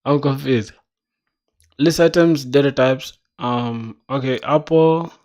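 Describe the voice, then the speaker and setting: He's a young, self-taught programmer from South Sudan, musing casually while he codes, reading documentation aloud and calling things "bro." The delivery is slow, mid-range and darkish in tone.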